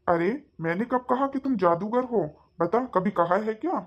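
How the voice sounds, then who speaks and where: A woman voicing an irritable young husband in a cartoon, talking in a gruff, scolding way. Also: medium pitch, expressive, moderate pace, lightly acted. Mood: irritated. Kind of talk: cartoon voice acting. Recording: dull lo-fi sound.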